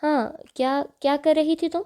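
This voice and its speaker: A woman's voice: high voice, animated, warm tone. A woman voicing a domineering young man who roars threats in a storybook reading. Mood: roaring. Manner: roaring, threatening.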